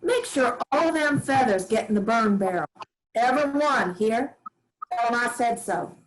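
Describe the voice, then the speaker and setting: In a staged play reading, a woman plays an old farm grandmother, giving brisk, kindly orders in plain rural dialect, firm but loving underneath. Her fairly high voice is expressive, though the recording quality is low.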